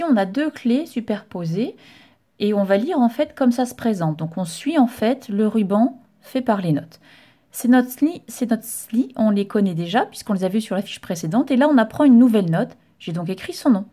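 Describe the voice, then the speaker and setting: A woman's voice: fairly high pitch, animated, moderate pace, dark tone. Patient woman teaching music reading. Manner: patient, explains step by step, chants note names and rhythm syllables. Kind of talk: solfège reading lesson.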